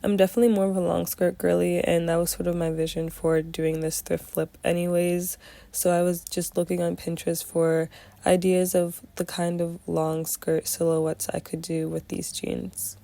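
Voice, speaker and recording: A woman's voice: fairly low pitch, level tone, vocal fry, mellow. Stuffy-nosed young woman chatting casually. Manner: informal, halting, with frequent "like". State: stuffy nose from a cold, slightly nasal. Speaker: sewing vlogger.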